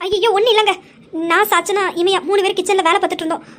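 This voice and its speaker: A woman voicing a kind middle-aged mother-in-law who speaks softly and reassuringly. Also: very high-pitched, steady tone, fast. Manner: gentle, soft, reassuring.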